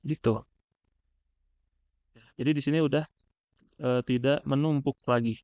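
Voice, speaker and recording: Clear-voiced man giving a software tutorial. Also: mid-range voice, fairly even intonation, a little slow, dry recording, dull audio. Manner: informal, explanatory, checks in with listeners. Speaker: animation software instructor. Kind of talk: step-by-step screen tutorial narration.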